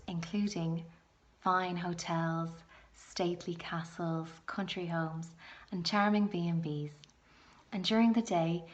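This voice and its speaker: A woman with an Irish accent giving a promotional travel presentation as a host. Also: on the low side. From Ireland.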